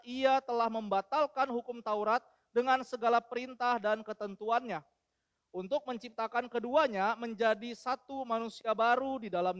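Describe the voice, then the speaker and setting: A man's voice: very high voice, no room sound, dull audio. A man preaching a sermon, reading scripture and then telling an illustrative story to the congregation. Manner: addresses congregation often, acts out dialogue in anecdotes. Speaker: evangelist preacher.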